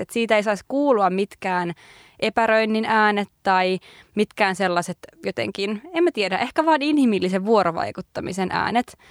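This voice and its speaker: A woman's voice: medium pitch, dry recording, clean studio sound. A woman co-hosting a casual podcast conversation, talking in a reflective, hedging way with many fillers. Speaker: podcast co-host.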